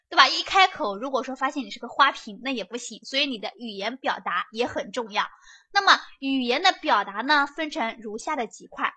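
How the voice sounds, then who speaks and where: A woman giving a lively prep lecture, chatty and often checking that students follow along. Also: sits high. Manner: chatty, keeps asking students to confirm.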